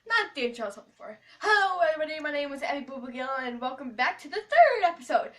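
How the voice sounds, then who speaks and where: A woman's voice: sits high, very animated, fast talker, fairly bright tone. A young, school-age female host talking to camera in a casual, rambling vlog, with a playful, silly, scattered manner. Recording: distant mic, noisy, clicks.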